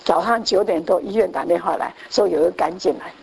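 A woman's voice: lowish voice, a little fast, gravelly, a little mellow, slightly rough. A woman preaching, telling a testimony as a sermon story with many repetitions and restarts, sometimes acting out the people she quotes. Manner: acts out quoted voices, mixing in English phrases.

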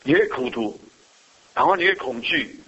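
Bright-voiced man preaching a sermon. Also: medium pitch, lively intonation, normal speed, highs cut off. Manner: asks the congregation questions and answers them. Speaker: pastor.

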